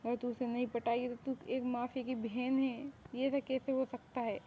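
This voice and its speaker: A woman's voice: a little high, flat delivery, moderate pace, natural voice. A woman voicing a mafia boss's spoiled, lovesick younger sister who talks in a demanding, boastful way, in a fan audio drama. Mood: scheming. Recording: tinny phone-like recording, faint hiss.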